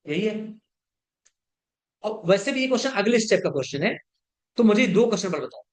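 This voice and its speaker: A man's voice: sits high, expressive, brisk. Male chemistry teacher giving a classroom lecture. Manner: keeps checking whether students have understood; mixes English terms into Hindi.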